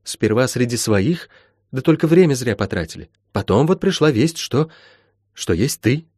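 A man's voice: mid-range voice, lively intonation, normal speed, a little mellow, dry recording, clean studio sound, voice pushed up, close to an everyday voice. A man voicing a stern middle-aged woman healer who talks in old-fashioned folksy speech, in an audiobook. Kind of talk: audiobook character voice.

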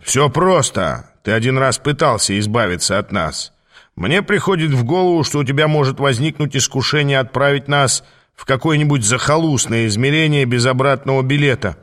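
A man's voice: medium pitch, expressive, moderate pace, a bit bright, lightly acted. A man reading the part of a firm, blunt male demon who gives orders and mocks, in an audiobook. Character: gruff, commanding male demon swordsman.

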